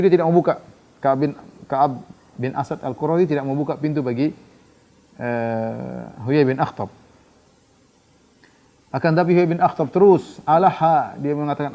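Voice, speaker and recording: A male Islamic teacher giving a sermon-style history lesson, telling the story and reading Arabic lines before translating them. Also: on the high side. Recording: slightly muffled lecture recording.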